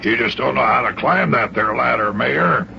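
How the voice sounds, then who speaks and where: Gravelly Captain Squinty, salty old sailor. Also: male voice, medium pitch, expressive, normal speed. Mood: teasing, gruff. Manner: folksy, teasing, nautical. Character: salty, gruff but genial old sea captain. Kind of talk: 1950s children's radio serial acting. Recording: noisy, muffled old radio recording.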